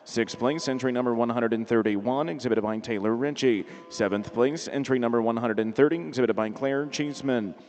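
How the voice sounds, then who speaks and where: A male show announcer reads placings and barn calls over a public address system. His delivery is steady and measured, at a middling pitch. The sound rings out with a long reverb through a large indoor arena. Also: soft background music. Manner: steady, measured reading of lists. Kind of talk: formal results and barn announcements.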